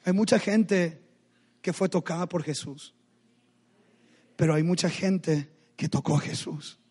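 Husky high-voiced preacher. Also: male voice, unhurried, a little mellow. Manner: dramatic, acts out Bible scenes, addresses the audience directly. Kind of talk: sermon.

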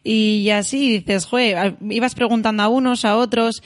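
Woman co-host, fairly high voice, reflective and open, dry close sound. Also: steady tone, normal speed, dry recording. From Spain. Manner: reflective, open, thinks aloud with fillers. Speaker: podcast co-host. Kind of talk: casual chat.

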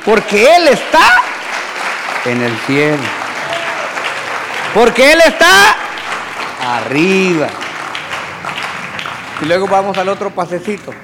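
A man preaching a sermon in a church hall, swinging from loud shouting to quiet asides, calling his listeners "brother" with folksy humor. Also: sits high, very animated, slow pace, pauses often, background noise. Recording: long hall reverb, faint crowd.

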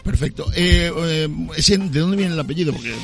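A man's voice: a little high, expressive, moderate pace, faint music behind. A man hosting a playful talk show on an outdoor terrace, joking and rambling as he goes. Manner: joking, rambling, self-interrupting. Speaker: host.

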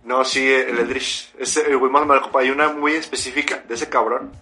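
A man's voice: mid-range voice, steady tone, brisk, pushed and bright. A young Mexican man telling a rowdy story to friends, slangy and full of laughter. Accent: Mexican Spanish. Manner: slangy, laughs often, acts out quotes. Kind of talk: casual storytelling among friends. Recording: roomy echo, faint music behind.

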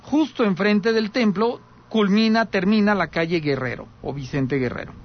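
Guy on the radio spinning a spooky tale, kinda high voice, dull lo-fi sound. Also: moderate pace. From Aguascalientes, Mexico. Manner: dramatic storyteller, repeats key points, speaks to listeners directly. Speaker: radio host taking calls. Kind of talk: telling a paranormal story on radio.

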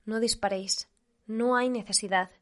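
A woman's voice: mid-range voice, fairly even intonation, moderate pace, lightly acted. A woman voicing a young female translator who talks urgently and breathlessly. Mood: pleading. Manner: breathless, pleading.

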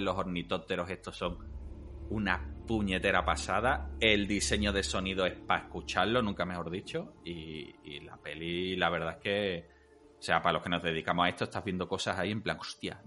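A man with a Castilian Spanish accent chatting casually and excitably, with slangy phrasing and frequent repetition. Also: sits low. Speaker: podcast co-host. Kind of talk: casual chat.

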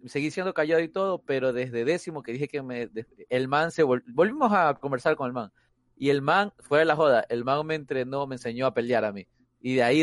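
Animated man telling a story. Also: mid-range voice, dry recording. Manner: animated storytelling, often repeats "escucha", laughs between phrases. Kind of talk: casual group chat.

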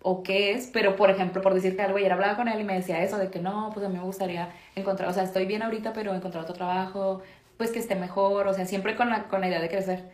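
A Mexican-accented woman co-hosting a podcast rambles through stories in casual conversation, heavy on fillers. Her medium-pitched voice is fast, a little mellow, and shows little pitch movement. Echo from the room is audible.

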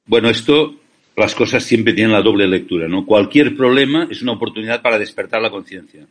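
A man from Spain who founded an ethical bank answers interview questions over a remote call, passionate and persuasive, often posing rhetorical questions. His voice sits on the low side and moves fairly quickly.

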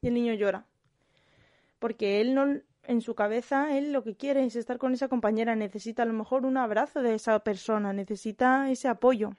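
A young woman from Spain with a Spanish accent, a kindergarten teacher giving a calm, reflective monologue with frequent hesitant restarts. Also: on the high side, a little fast, no echo, studio quality.

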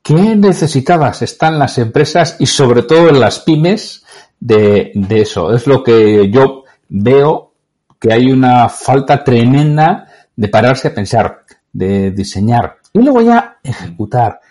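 A man's voice: mid-range voice, very animated, takes it slowly, warm tone. This is a man hosting a business interview podcast. His voice sits in the middle of the male range but moves animatedly up and down. He talks in a friendly, conversational way, leading the chat with easy introductions and questions. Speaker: podcast host.

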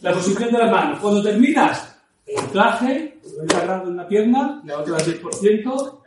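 High-voiced man coaching on stage. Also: normal speed. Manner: lively, playful, swings between loud and soft. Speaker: public speaking coach. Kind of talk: live talk on storytelling. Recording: very echoey room, mic far off, faint noise.

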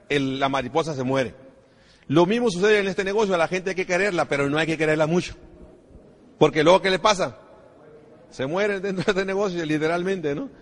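A man's voice: high voice, fairly bright tone. A man gives a motivational business talk, repeating himself and asking the crowd rhetorical questions. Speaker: network marketing trainer. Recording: long hall reverb.

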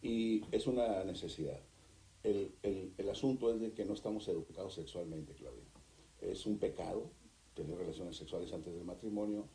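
A man's voice: low voice, reverberant, slight background noise, low-quality recording. A man, a therapist and author talking animatedly as a guest in an interview. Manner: animated, acts out couples in quick voices. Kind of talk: conversational interview.

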